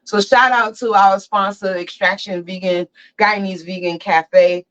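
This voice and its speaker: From the barber chair, a female podcast host chats excitedly into her phone. Her medium-pitched voice is steady, fairly bright and a little slow, heard through the phone's lo-fi mic.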